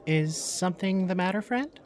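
A man's voice: high voice, moderate pace, close to an everyday voice. A man voicing a friendly young barmaid who greets guests at a tavern. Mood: welcoming.

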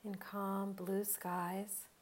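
This woman's delivery is flat and her pitch is medium as she takes listeners through a guided meditation. She stays soothing and slow, letting long gaps fall between her short lines.

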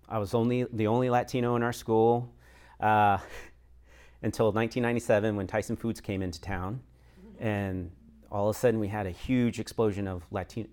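Chatty man leading a church talk. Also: on the low side. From United States. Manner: conversational, with frequent fillers and light laughs. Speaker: chaplain and pastor.

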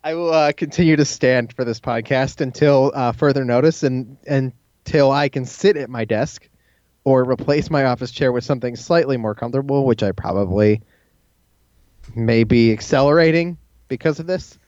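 A man hosting a podcast with casual banter, talking haltingly and repeating words as he goes. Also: medium pitch, a little mellow, no echo, dull audio. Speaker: podcast host. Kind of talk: casual banter between co-hosts.

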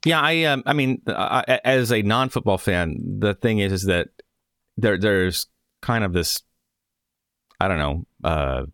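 A man's voice: on the low side, expressive, a little slow, a bit bright, clean tone, no echo, studio quality. A man hosting a podcast in casual chat, rambling and correcting himself as he goes. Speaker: podcast host.

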